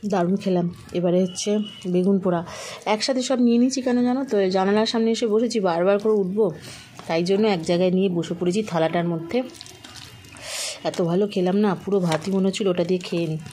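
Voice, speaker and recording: A woman food vlogger chatting quietly to her viewers while she eats by a window, savoring each bite aloud. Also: medium pitch, a little fast, a little hiss or hum. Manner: soft-spoken, hushed. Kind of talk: casual vlog chat while eating. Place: indoors by a sunny window.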